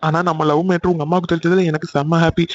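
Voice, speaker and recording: A man's voice: on the high side, flat delivery, very fast, dull audio, slight background noise, pitched below the performer's own voice, natural voice. A voice actor voicing an earnest, polite young man in love in a cartoon. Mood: happy.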